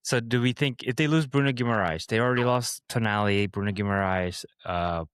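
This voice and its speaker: A man's voice: lowish voice, fairly quick, fairly bright tone, clean tone, no echo, clean studio sound. A man co-hosting a casual football podcast, rambling and thinking aloud with fillers. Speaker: podcast co-host.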